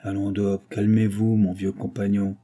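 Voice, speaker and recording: A man voicing a smooth-talking lieutenant who soothes and evades his angry friend. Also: on the low side, completely flat delivery, normal speed, mellow, natural voice. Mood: placating. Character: smooth-talking male lieutenant, placating, slightly afraid.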